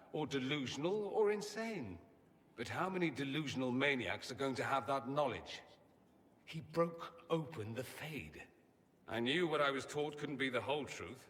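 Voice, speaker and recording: A man's voice: medium pitch, a bit bright, in a large hall. An actor playing a witty, self-assured male mage from a foreign empire, theatrical in manner, in video game dialogue.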